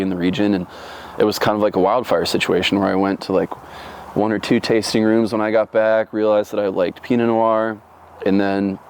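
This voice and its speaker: In an oral history interview, a Floridian man in his thirties reflects on his life, rambling and often restarting or using fillers. He speaks in a fairly low, slightly mellow voice, and the recording carries a little hiss or hum.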